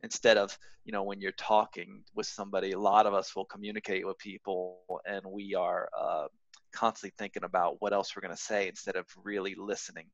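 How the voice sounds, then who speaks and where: A man's voice: deep voice, level tone, fairly quick, dry recording. A man co-hosting a podcast in casual chat, rambling with fillers and restarts, on a muffled microphone. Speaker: podcast co-host, acupuncturist. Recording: muffled, dull dry mic.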